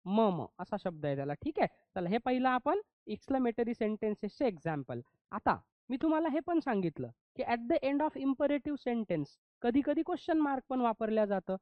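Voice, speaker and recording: A man teaching an English grammar class, asking the class rhetorical questions and slowing down to model English sentences. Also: very high voice, dry recording. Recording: dull, muffled lo-fi sound.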